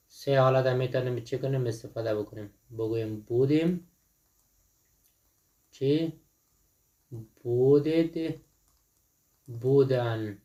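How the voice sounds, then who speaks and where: A man explains an English textbook lesson in a mid-pitched voice. He slows down and draws out each English word before he translates it. He often asks the listener a question and then answers it himself. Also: a little mellow. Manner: says English words slowly and translates each into Dari. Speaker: English teacher.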